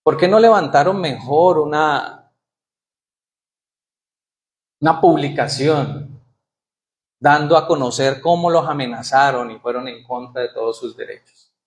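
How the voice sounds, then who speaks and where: Guy preaching in church, highish voice, lots of questions to the crowd, reads scripture loud. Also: unhurried, long pauses. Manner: preaching with rhetorical questions to the congregation; reads scripture aloud with rising emphasis. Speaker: pastor. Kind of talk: sermon.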